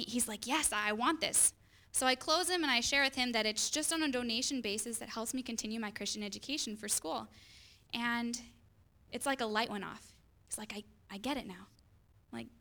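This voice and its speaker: A young woman shares a personal testimony in a high, bright voice. She tells it earnestly, like a student recalling an experience that moved her. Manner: earnest storytelling. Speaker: student literature evangelist.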